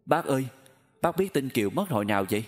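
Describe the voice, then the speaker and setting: A man's voice: medium pitch, very animated, fast talker, faint music behind, natural voice. A man voicing a shaken, stammering young man. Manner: polite, stammering speech.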